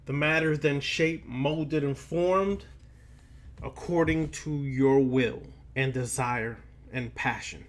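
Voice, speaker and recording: An occult lecturer with a mid-range voice holds forth on esoteric topics like a preacher. He speaks deliberately and haltingly, pausing long between phrases and repeating key lines for emphasis.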